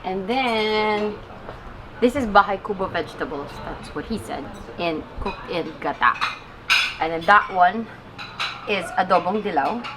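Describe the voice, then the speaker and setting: A woman's voice: medium pitch, expressive, measured pace, noisy background. A young woman from the Philippines chatting casually as a travel vlogger, playful and easily delighted. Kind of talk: casual travel vlog narration.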